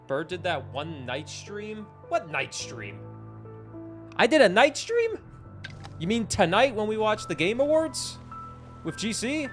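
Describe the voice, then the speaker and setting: Animated streamer man in his twenties. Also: high-pitched, slow, long pauses, music in the background. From New England, United States. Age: 20s. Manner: animated, chatty, reads and answers chat. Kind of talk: casual live-stream chat.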